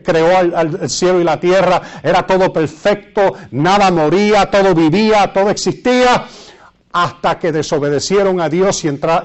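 A man with a Puerto Rican Spanish accent preaching and reading scripture, repeating phrases for emphasis and pausing to search for words. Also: fairly high pitch. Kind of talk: sermon with Bible readings and asides to listeners.

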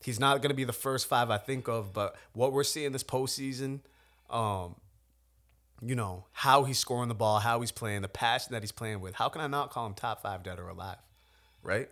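A man co-hosting a podcast, arguing his point at length in casual chat, animated and swearing freely. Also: mid-range voice, moderate pace. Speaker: podcast co-host.

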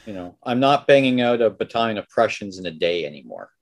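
A man's voice: on the low side, very animated, fast talker. A middle-aged or older man with a Canadian accent, chatting casually as a podcast co-host in a folksy, joking way. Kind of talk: casual chat between friends.

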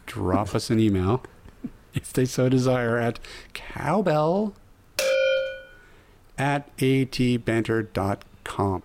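A man's voice: mid-range voice, animated, slow, pauses often, a little mellow, slight background noise. A man hosting a podcast, bantering casually with rambling jokes and laughter. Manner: joking, rambling with frequent laughs. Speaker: podcast host.

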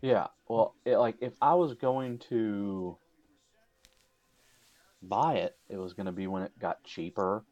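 Low-voiced man peppering speech with "like". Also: steady tone, takes it slowly, long pauses, a little mellow, dull audio. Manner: says "like" a lot as filler. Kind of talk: casual chat about video games.

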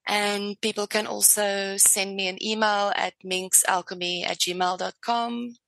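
This woman, a native Afrikaans speaker from South Africa with the matching accent, is a spiritual life coach talking effusively as a podcast interview guest. Her medium-pitched voice is creaky, fairly bright and level, and she keeps a measured pace, enthusiastic while searching for words, in a dry recording.

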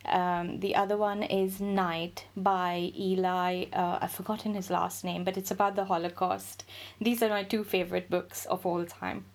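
A woman's voice: on the low side, little pitch movement, moderate pace. A woman being interviewed on a podcast, answering cheerfully with easy laughs and hesitant ums. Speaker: interview guest.

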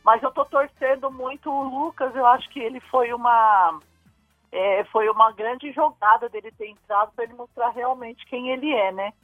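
A woman's voice: a little high, normal speed, dry recording. A woman calling in to a radio show over the phone, chatting casually with small hesitant restarts. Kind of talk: casual call-in chat. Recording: tinny phone line, faint music.

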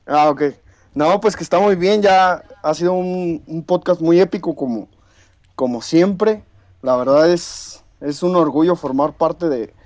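A man's voice: fairly high pitch, darkish tone, no echo. A man with a Mexican accent calling in to a podcast over an internet call, chatting casually, laughing often and restarting his phrases as he tells a story. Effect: heard over an internet call line. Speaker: caller to a podcast. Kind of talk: casual chat, telling an anecdote. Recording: dull, dry internet call audio.

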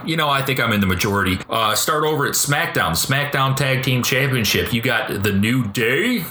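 A man's voice: medium pitch, normal speed, sharp tone, a little hiss or hum. Jokey beer-drinking man podcaster, echoey room. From Detroit, Michigan. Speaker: podcast co-host. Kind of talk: casual wrestling prediction chat.

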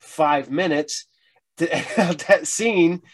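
A man hosting a casual chat, speaking in a halting, anecdotal way and often repeating words. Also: on the high side, slightly rough. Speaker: interviewer, online show host.

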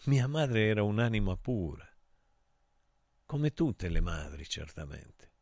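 A man's voice: lowish voice, big pitch swings, slow, vocal fry, a little mellow, no room sound. A middle-aged man hosting a show, reading listener messages and telling them personal stories in an emotional, rambling way. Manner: emotional, digressive, addresses listeners directly. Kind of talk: intimate confessional monologue.

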